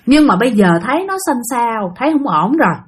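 A woman with a Southern Vietnamese accent tells a ghost story in a loose, chatty way. She keeps turning to her listeners directly, and her voice sits a little high. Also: expressive, fairly quick, breathy edge. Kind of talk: spoken ghost-story narration.

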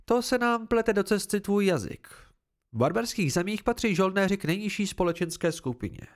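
Stern female sword mentor, blunt and lively-voiced, as a male reader puts her on for an amateur audiobook. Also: sits high, voice pushed up. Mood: instructive. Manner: blunt, instructive, measured.

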